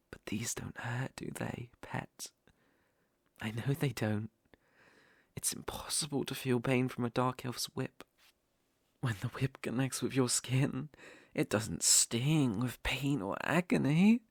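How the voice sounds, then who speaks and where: For intimate ASMR roleplay, a man voices a possessive, sadistic dark elf slave master with a British accent. Speaking unhurriedly in a gravelly, creaky mid-range voice, he sounds close and dry with no echo. He taunts condescendingly, lingering over every threat.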